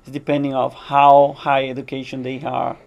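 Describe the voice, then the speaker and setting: Cuban accent guy, spanish native, creaky mid voice, halting english in an interview. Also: medium pitch, monotone, a little mellow, muffled recording. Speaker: guest shark researcher.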